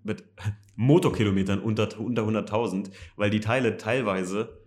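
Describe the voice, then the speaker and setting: A man's voice: on the low side, a little mellow. A man chatting enthusiastically and casually about cars as host of a podcast. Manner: fast, enthusiastic car talk. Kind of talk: casual chat.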